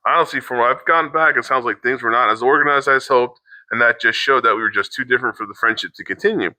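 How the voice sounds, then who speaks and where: Middle-aged male co-host, sharp bright tone, dry close sound, reads posts aloud haltingly with blunt asides. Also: mid-range voice, no room sound, rough recording. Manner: halting, restarts mid-sentence, swears in asides. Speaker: co-host reacting to online posts. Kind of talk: reading aloud with casual commentary.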